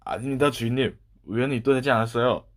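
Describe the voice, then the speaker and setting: A man voicing an eager, polite young boy servant in a children's storybook, loud and earnest. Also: mid-range voice, fast talker, lightly acted. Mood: protesting.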